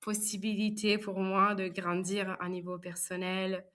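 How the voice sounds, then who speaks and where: A woman's voice: medium pitch, monotone, measured pace, fairly bright tone. A young woman speaking French, telling her story as a podcast guest with many hesitations. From Italy. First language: Italian. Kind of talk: personal interview.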